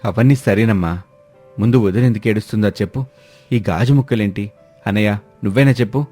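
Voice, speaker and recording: A man's voice: fairly low pitch, a little fast, a little mellow, soft background music, lightly acted. A male narrator voicing an earnest, concerned young man who keeps asking what happened. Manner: earnest, questioning.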